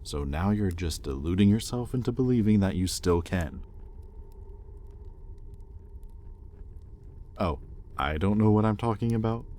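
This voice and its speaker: A man with a lowish, natural voice acts out a scripted roleplay audio drama, speaking animated and fairly quick as a bitter, conflicted demon who possessively owns a captive angel. Frustrated and brooding, he addresses the listener as his captive with intensity, swinging between hushed confession and heated accusation.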